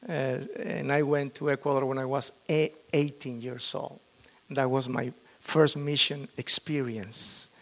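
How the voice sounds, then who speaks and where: Pastor, halting delivery. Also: male voice, medium pitch, level tone, creaky, fairly bright tone. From Peru. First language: Spanish. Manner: halting, with frequent fillers and restarts. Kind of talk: testimony sermon.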